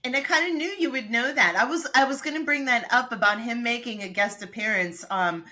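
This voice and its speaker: A woman's voice: fairly high pitch, a little fast, sharp tone. A woman hosting a podcast who steers the topics in chatty, laughing casual conversation. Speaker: podcast host. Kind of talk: casual chat.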